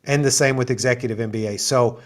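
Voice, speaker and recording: This middle-aged man, an assistant dean running an info session over a video call, talks fast at a medium pitch with fairly even intonation. He walks through the programs in a chatty, enthusiastic manner, packed with asides and fillers.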